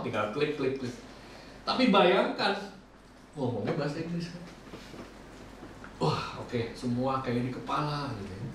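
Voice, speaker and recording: An Indonesian bishop preaches a sermon full of lively personal stories, acting out his own quoted remarks. His voice is on the high side, recorded from far off in an echoey hall with faint noise.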